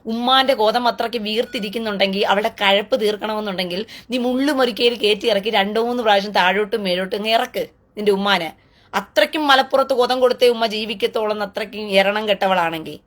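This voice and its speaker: A woman delivering a mocking rant to the camera as an online political commentator, taunting in a sing-song way and stretching out repeated jeers. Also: mid-range voice.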